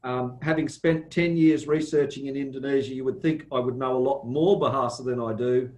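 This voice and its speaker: A man with an Australian accent giving a slow, measured guest lecture over a video call, pausing often with ums. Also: mid-range voice, steady tone, a little mellow, echoey room, rough recording. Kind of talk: online academic lecture.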